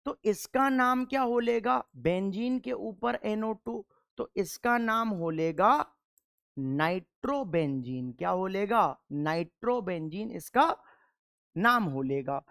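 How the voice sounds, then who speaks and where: A male chemistry teacher lecturing a class in a smooth, resonant voice. He poses question after question and answers each one himself, and he patiently repeats the key answers for drilling. The sound is dry and close, with no room echo. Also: high voice, animated, slow, a bit bright. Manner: quizzes with rhetorical questions and answers them himself.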